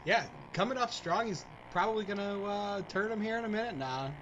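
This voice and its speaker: A man's voice: high voice, brisk, fairly bright tone, highs cut off, a little hiss or hum. A man giving informal, blunt kart race commentary with salty banter as a co-commentator.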